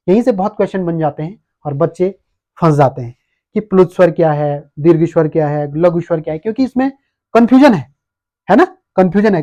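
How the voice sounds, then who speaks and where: A man's voice: sits high, darkish tone. A man with an Uttarakhand Hindi accent teaches an exam-prep lesson and keeps answering his own questions.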